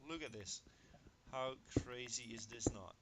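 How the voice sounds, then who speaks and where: A gaming video creator whose first language is Danish gives easy, chatty commentary on his game in a mid-range voice at a measured pace. He gets excited at each result and works out sums aloud, with a clear, steady hiss underneath.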